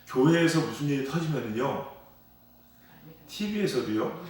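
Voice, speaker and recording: Male pastor at a dawn service, mid-pitched, putting questions to his congregation; heard from a distance in a very reverberant church. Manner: asks the congregation rhetorical questions and answers them; keeps addressing the listeners directly. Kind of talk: early-morning sermon. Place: church sanctuary. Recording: very echoey hall, voice far from the mic.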